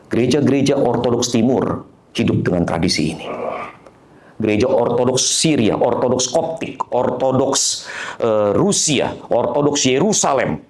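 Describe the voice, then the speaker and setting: A man, a pastor preaching a dramatic sermon, shifting between quiet guidance and shouted storytelling. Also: mid-range voice, lively intonation, moderate pace.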